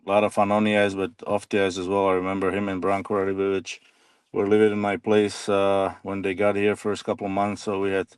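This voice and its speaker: Guy, low voice, talks slow and halting with lots of pauses, clean smooth tone. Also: completely flat delivery, no room sound. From Slovakia. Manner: halting, soft-spoken, many pauses. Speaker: guest, former hockey player. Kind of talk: reminiscing interview.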